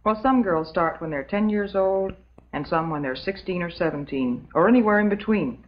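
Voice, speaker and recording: This old educational film features an American actress with a lowish, natural voice as a gentle, motherly substitute teacher. She gives her scripted lesson in a patient, instructive, prim and measured way, though the recording is muffled and dull.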